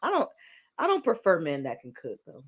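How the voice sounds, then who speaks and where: A woman's voice: on the low side, wildly swooping pitch, a little fast, very noisy. A woman chatting casually and informally on a dating show, with short interjections. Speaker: dating show contestant choosing a partner. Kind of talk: casual chat.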